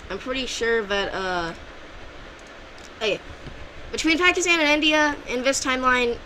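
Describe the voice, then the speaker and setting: Her voice sits on the high side with a sharp edge, captured in a low-quality recording with a little hiss or hum. She talks through an alternate-history map casually and without a script, often restarting and correcting herself mid-sentence.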